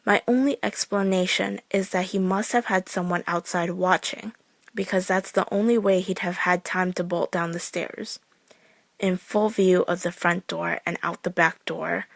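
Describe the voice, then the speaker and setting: A woman's voice: lowish voice, steady tone, unhurried, creaky, no room sound. Woman narrating a scary story, dry sound.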